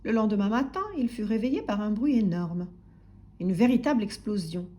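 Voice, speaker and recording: A woman narrating a children's story aloud in an expressive, soft-spoken way, sometimes dropping to a whisper. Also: mid-range voice, normal speed.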